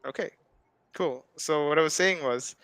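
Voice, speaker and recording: A man's voice: on the high side, moderate pace, fairly bright tone, no echo, poor audio. Young man explaining math, dry sound. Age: young adult. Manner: chatty, hedging fillers, checks with "right?". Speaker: guest speaker, math student. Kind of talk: casual math explanation over video call. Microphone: video call mic.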